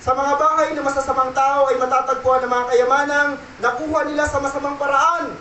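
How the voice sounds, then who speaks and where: A male pastor with a very high-pitched voice delivers a church sermon. He keeps asking "okay?" and slips into English now and then. The voice rings out in a roomy church hall, picked up from some distance, with a faint hum of ambience behind it. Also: level tone, a little fast, bright, forceful tone. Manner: preaching with repeated "okay?" check-ins and Taglish. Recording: echoey church room, mic at a distance.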